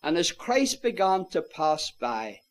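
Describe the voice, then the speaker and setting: Male preacher, slow deliberate sermon, earnest pleading, bursts of loud fervor, old-fashioned biblical wording. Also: on the high side, sing-song. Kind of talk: evangelistic sermon.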